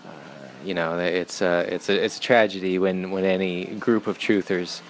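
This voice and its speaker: A male podcast host giving a hesitant, mock-solemn comedic monologue in a deadpan voice. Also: low-pitched, moderate pace, a little hiss or hum. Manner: hesitant, many fillers and restarts, mock-solemn.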